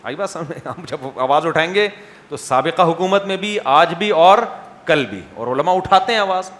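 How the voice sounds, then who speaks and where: A man's voice: a little high, lively intonation, a bit bright. A male Islamic scholar answering questions bluntly and wryly, often checking that his listeners understand. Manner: blunt, wry.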